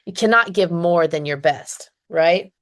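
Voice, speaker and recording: A woman's voice: lowish voice, measured pace. A woman teaching an online English lesson, chatty and encouraging, with frequent laughs; she is dizzy today. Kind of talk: one-on-one online lesson chat.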